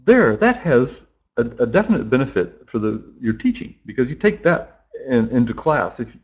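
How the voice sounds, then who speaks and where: A middle-aged man, a teacher, is being interviewed and explains things conversationally, rambling and thinking aloud with many fillers and restarts. His mid-range voice is very animated and slightly rough, at a moderate pace.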